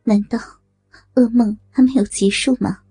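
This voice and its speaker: Brief: woman narrator, slow and breathy, mellow husky tone, dry close sound. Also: a little high, steady tone, dry recording, faint music behind. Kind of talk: erotic audio story reading.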